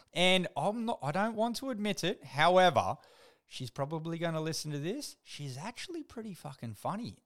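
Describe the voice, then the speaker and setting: A middle-aged man with an Australian accent hosting a casual solo podcast, talking like a blokey, sweary tradesman full of slang. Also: sits high. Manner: blokey, laid-back tradie slang, swears freely. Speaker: podcast host.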